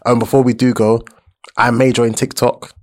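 A man's voice: mid-range voice, little pitch movement, normal speed, a little mellow. A young man with an urban London accent, hosting a podcast with casual, slangy roadman banter. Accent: London, urban street. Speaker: podcast host.

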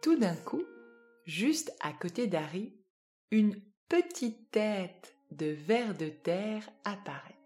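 Soft, slow female storyteller for kids, light music underneath. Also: mid-range voice. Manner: calm, soft, gentle narration. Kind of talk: storybook reading for children.

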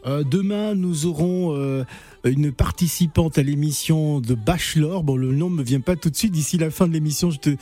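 A man's voice: on the high side, normal speed, dark tone, soft background music. A man from Cameroon hosting a radio show, chatting with callers and a guest in a jovial, teasing way. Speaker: radio host. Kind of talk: casual radio chat with callers.

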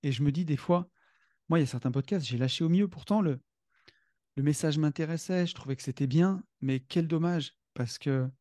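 Warm-voiced man, chatty podcast guest. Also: on the high side, moderate pace, no room sound, clean studio sound. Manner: enthusiastic, hesitant with many fillers. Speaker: podcast guest, financial coach. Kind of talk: casual podcast conversation. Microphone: studio podcast microphone.

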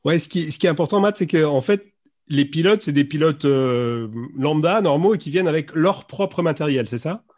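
A man's voice: on the high side, normal speed, a little mellow. A man hosting a live interview, introducing and questioning guests in a hesitant way, often repeating words as he goes. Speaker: live show host and interviewer.

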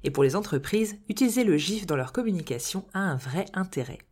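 A woman's voice: lowish voice, lively intonation, brisk, darkish tone, breathy edge. A woman hosting a podcast, reading a scripted explainer with wry, playful asides. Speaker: podcast host.

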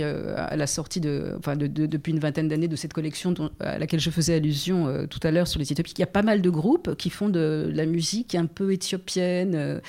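A woman who works as a radio music programmer, talking in a casual panel discussion in a halting, thoughtful way with many restarts. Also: sits low, darkish tone.

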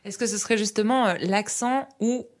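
A woman's voice: medium pitch, fairly even intonation, normal speed. Reflective woman musing aloud. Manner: reflective, questioning. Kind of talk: casual conversation.

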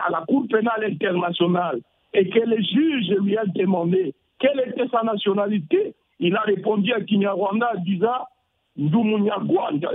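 Man, husky, over a phone line. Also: sits high, no echo. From North Kivu, DR Congo. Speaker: member of parliament, debate guest. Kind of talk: radio debate. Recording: dry tinny phone line.

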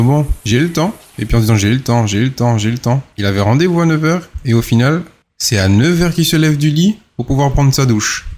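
A man's voice: medium pitch, a little mellow, a little hiss or hum. A man, a fitness coach hosting his podcast, talks casually and directly to the listener, asking rhetorical questions and acting out little scenes. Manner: playful, acts out little scenes and inner voices. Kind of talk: casual motivational podcast monologue.

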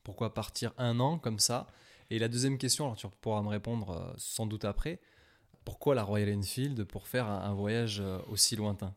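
Male interviewer, lowish voice, informal questions. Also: normal speed. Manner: informal, uses the familiar 'tu'.

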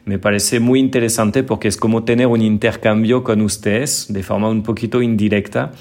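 A man's voice: fairly low pitch, steady tone, moderate pace, darkish tone. A man from northern France with a French accent, a language teacher answering listener questions on his podcast, explaining patiently and repeating words as he searches for them.

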